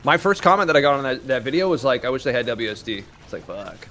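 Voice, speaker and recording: A man's voice: mid-range voice, sing-song, fast, a bit bright, slight background noise. A young man hosting a casual gaming stream chat, laid-back and swearing freely, with lots of "dude" and "bro". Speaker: podcast host and streamer.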